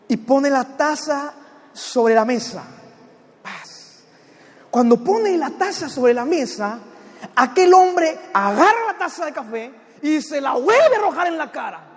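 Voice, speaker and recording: A man preaching at a church conference, telling a humorous story, then preaching with fervor and at times shouting. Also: very high-pitched. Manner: animated, rises to shouted preaching. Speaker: pastor. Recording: long hall reverb.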